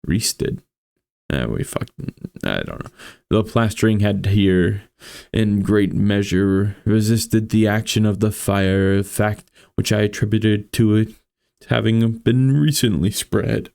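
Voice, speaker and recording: Guy streamer reading a spooky story, lowish gravelly voice, clean and smooth tone, casual and sweary. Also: unhurried, a little mellow, no room sound. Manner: casual, foul-mouthed asides. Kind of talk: reading a horror story aloud with casual commentary.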